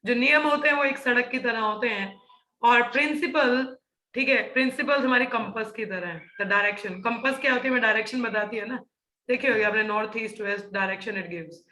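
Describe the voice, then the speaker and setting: A woman's voice: on the high side, normal speed, sharp tone, echoey room, rough recording. A woman teaching a scripture class, mixing Hindi and English and checking in with her students again and again. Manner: explanatory, many "ठीक है" check-ins.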